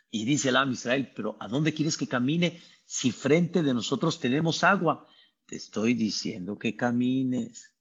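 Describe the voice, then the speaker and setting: A man with a Mexican accent giving a sermon as a rabbi, telling the story dramatically and acting out the people's voices with high cries. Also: breathy edge. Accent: Mexican Spanish. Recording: dull lo-fi recording.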